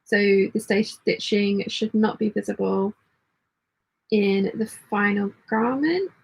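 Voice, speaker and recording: A woman hosting a casual live sewing hangout, talking through her work and chatting along, with a slightly husky voice. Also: mid-range voice, takes it slowly, darkish tone, rough recording. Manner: muttering commentary while working; reads chat messages aloud. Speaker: sewing livestream host.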